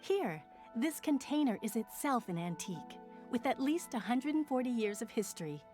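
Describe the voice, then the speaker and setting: A gracious young shopkeeper. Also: female voice, fairly high pitch, big pitch swings, moderate pace, faint music behind. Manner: polite, gentle. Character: young female shop owner, gracious and grateful. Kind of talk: game cutscene voice acting.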